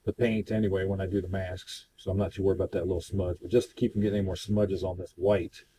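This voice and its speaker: A man casually narrating his scale model painting, talking in a relaxed, rambling way with many fillers. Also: low voice, fast talker, background noise. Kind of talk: casual hobby tutorial narration.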